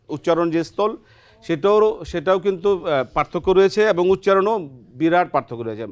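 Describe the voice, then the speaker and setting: A Quran teacher on a television lesson, patiently quizzing students on letter pronunciation and often ending a point with a questioning "right?". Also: mid-range voice. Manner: patient and encouraging. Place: television studio.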